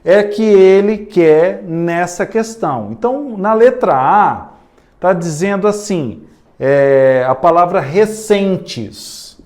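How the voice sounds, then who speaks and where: A man with a Brazilian Portuguese accent teaches an exam-prep grammar class in a fairly high voice. He talks at an unhurried pace and keeps checking in with his students. He stretches words out slowly, syllable by syllable. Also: darkish tone.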